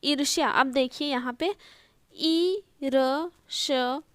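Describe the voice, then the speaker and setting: A woman's voice: high voice, lively intonation, unhurried, a bit bright, no echo, studio quality. A woman teaching an online spelling lesson, explaining step by step and repeating each word with frequent checks like "okay?". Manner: explains step by step, often repeating words and asking "ठीक है".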